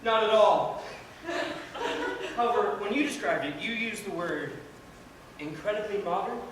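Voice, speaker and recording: A man's voice: high-pitched, measured pace, a bit bright, slight background noise. A man playing a sarcastic, needling skeptic in a stage play, recorded from far off on an echoey stage.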